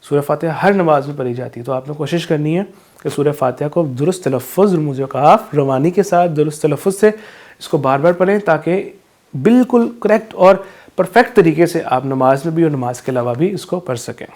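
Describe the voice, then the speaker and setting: A man with a Pakistani Urdu accent teaching a class, explaining recitation rules and chanting verses slowly. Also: on the high side, a little mellow. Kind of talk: classroom lesson on Quran recitation.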